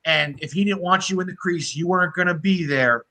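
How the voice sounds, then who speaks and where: A man talks hockey on a podcast with a bright, slightly high voice. He rambles through opinions, restarting sentences and cursing freely. The tone is loose, casual chat between friends. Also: brisk, low-quality recording. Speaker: podcast co-host.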